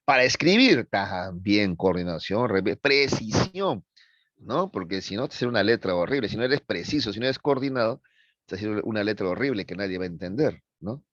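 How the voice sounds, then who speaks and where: A man's voice: on the low side, animated, moderate pace, a bit bright, no echo, dull audio. A male teacher giving a classroom lecture, explaining step by step and often checking that students follow. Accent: Peruvian Spanish. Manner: explains with frequent checks for understanding.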